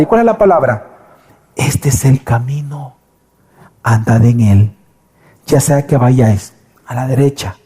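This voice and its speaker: Impassioned high-voiced male pastor preaching. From El Salvador. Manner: impassioned preaching, dropping to soft intimate tones when voicing God; reads scripture aloud and exclaims often. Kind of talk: sermon.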